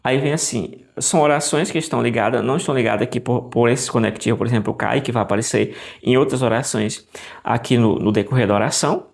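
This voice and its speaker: Gravelly man teaching Greek slowly. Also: medium pitch. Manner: thinking aloud, many restarts, repeats "né?" and Greek words slowly. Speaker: Bible teacher. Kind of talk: casual lesson walking through Greek text on screen.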